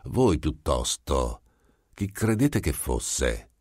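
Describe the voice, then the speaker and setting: A man reading the part of a sly, composed gentleman who probes with smooth, falsely apologetic questions. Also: extremely low pitch, sing-song, very slow, no room sound, studio quality, heavily acted.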